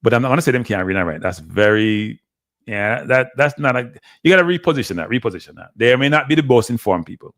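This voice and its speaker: A man's voice: mid-range voice, animated, fast, a bit bright, no echo, clean studio sound. A man hosting a call-in sports show, who challenges callers bluntly and slips Jamaican patois into his speech. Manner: blunt, pushes back on callers. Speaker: host.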